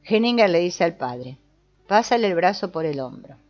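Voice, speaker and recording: A woman giving a calm, measured scripted narration. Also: lowish voice. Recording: dull lo-fi voice-over with soft guitar music.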